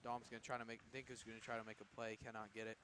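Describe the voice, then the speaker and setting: A man's voice: lowish voice, level tone, racing, background noise. A young man calling hockey play-by-play for a student broadcast, upbeat and jokey. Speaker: play-by-play announcer. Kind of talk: student sports commentary.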